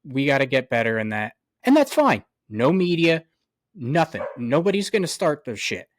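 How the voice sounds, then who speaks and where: A man co-hosting a sports podcast, ranting heatedly with lots of swearing, his voice jumping loud and high. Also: big pitch swings, moderate pace, no echo, studio quality. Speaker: podcast co-host. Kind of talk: sports talk rant.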